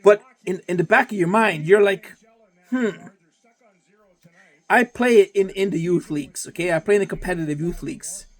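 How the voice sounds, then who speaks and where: This young Canadian vlogger rambles through a casual, profane monologue, repeating himself often. His voice sits high and moves at a moderate pace.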